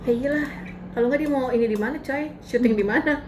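Woman, teasing banter, rapid talk, roomy echo and noise. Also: high-pitched. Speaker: podcast co-host. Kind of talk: casual chat. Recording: echoey room with background noise.

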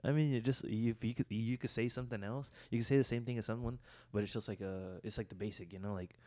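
A man's voice: on the low side, steady tone, quick pace, mellow, dry recording. A man chatting casually as a podcast co-host, rambling in slangy, profane talk peppered with "you know". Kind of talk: casual chat.

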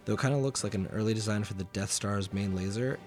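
A man's voice: lowish voice, fast, darkish tone, soft background music. A man narrating a scripted audio tour as guide, chatty and jokey.

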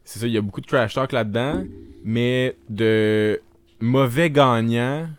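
A man's voice: mid-range voice, measured pace, clear, resonant tone. A man with a Québécois French accent, co-hosting a podcast in casual chat, rambling and hesitant. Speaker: podcast co-host.

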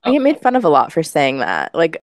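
A woman co-hosting a casual podcast, speaking in an earnest, reflective and measured way. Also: low voice, wildly swooping pitch, no room sound, clean studio sound. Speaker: podcast co-host.

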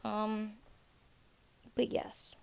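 A woman's voice: medium pitch, completely flat delivery, very slow, creaky, darkish tone, clean tone. A teenage girl hosting a casual rambling podcast, chatty and self-mocking, jumping between topics. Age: teens. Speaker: podcast host.

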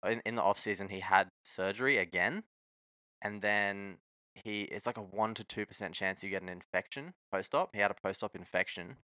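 A man's voice: lowish voice, moderate pace, bright, forceful tone, no echo. A man chatting casually about sport in a laid-back, slangy way. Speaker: sports talk co-host.

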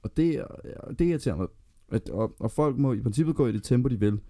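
A man's voice: mid-range voice, expressive, warm tone. A Danish man co-hosting a podcast in casual chat, arguing his point and telling long anecdotes. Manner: argumentative, tells long anecdotes. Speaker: podcast co-host.

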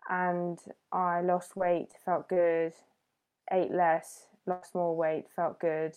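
A woman in her thirties, appearing as a guest in a casual podcast interview, tells her story chattily, restarting and correcting herself along the way. Her voice is fairly low with a darkish tone.

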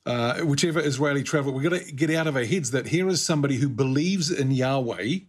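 A man's voice: mid-range voice, fast talker. A man in casual conversation about faith, chatting easily and telling a personal anecdote.

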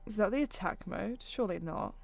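A woman's voice: medium pitch, lively intonation, a little fast, creaky, a little mellow, no echo. A woman co-hosting a casual chat podcast, chatty and trailing off with ums, sometimes sounding sarcastic without meaning to. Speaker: podcast co-host.

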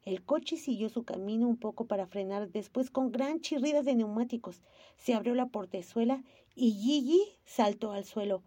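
A woman narrating a storybook aloud, with lively shifts into character voices. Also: fairly high pitch, moderate pace, no room sound. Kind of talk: storybook reading.

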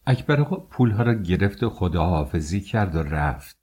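A man with a very deep voice reads an audiobook. His narration is steady and measured, as a practiced storyteller's. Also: husky. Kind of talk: scripted narration.

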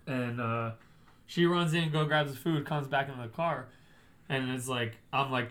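Chatty young woman telling a story. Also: extremely low pitch. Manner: animated, laughing, lots of fillers. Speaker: co-host. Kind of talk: casual storytelling chat.

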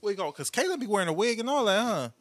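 A man's voice: high voice, sing-song, quick pace, a bit bright. A man co-hosting a casual podcast, joking in slang and acting out what people would say. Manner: joking, slangy, acts out quoted remarks. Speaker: podcast co-host.

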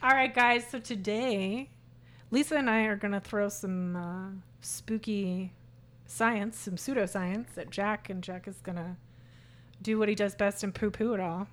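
A woman's voice: medium pitch, steady tone, a little slow. A woman co-hosting a podcast, chatting informally and jokily in casual banter. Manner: informal, jokey. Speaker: podcast co-host.

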